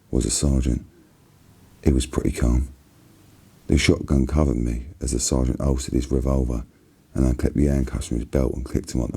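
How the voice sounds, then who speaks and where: A man with a Cockney accent reads a novel aloud in a soft, hushed ASMR style, husky and unhurried. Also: a bass voice. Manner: hushed, unhurried, even narration.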